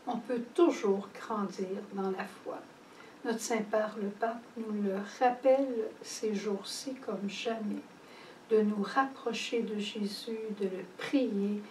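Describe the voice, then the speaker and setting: Slow-spoken woman preaching in an echoey chapel. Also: medium pitch, a little mellow, far from the mic, a little hiss or hum. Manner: slow, measured, with pauses. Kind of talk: spoken homily on scripture.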